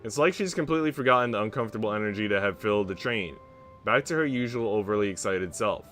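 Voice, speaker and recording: Speaking quickly and expressively in a lowish, fairly bright voice, a young game streamer works through a visual novel. Music plays as he swings between casual banter and reading lines, all in a laid-back, slangy style.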